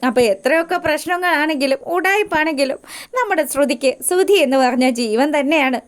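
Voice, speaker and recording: A woman's voice: high-pitched, fairly quick. A woman casually retelling a TV serial episode in a chatty, folksy way. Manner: chatty, folksy narration addressing listeners as 'our'. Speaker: storyteller recapping a TV serial.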